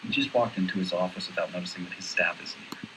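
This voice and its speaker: A man's voice: low-pitched, fast talker, bright, forceful tone, slight background noise, rough recording. A man speaking acted English TV dialogue in a replayed clip.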